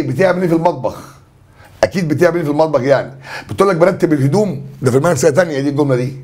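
A man's voice: on the high side, dark tone, husky. A man with an Egyptian accent, a French teacher going through exam answers in a chatty, joking way. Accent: Egyptian Arabic. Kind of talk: exam review lesson.

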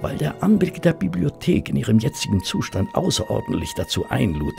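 An actor playing Dr. Watson, a genial English physician telling of a detective case in a German radio drama. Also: male voice, mid-range voice, very animated, brisk, vocal fry, dark tone, faint music behind. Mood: grave, wry.

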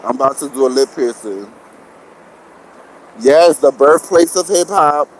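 A man's voice: on the high side, animated, a little slow, poor audio. A man, out of breath and sweaty, chatting casually to viewers of his livestream as he walks a busy city street on a phone camera. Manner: chatty, greets viewers, begs for shares. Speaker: vlogger live-streaming. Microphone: phone camera worn or held. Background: street traffic and city bustle.

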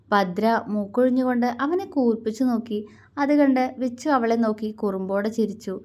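A woman storyteller reading a romance story aloud in a soft, expressive way. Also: fairly high pitch.

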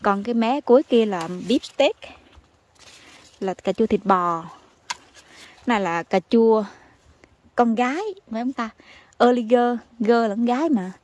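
A woman from Vietnam, chatting excitedly to her viewers as she picks vegetables in her home garden outdoors. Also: a little high, unhurried, pauses often, muffled recording. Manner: chatty and exclamatory, calls viewers family. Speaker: gardening vlogger. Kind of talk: casual chat to viewers while harvesting.

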